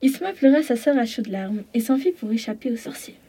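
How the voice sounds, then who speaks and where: A woman narrating a children's story in a calm, even tone. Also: on the high side, a little fast, slightly rough.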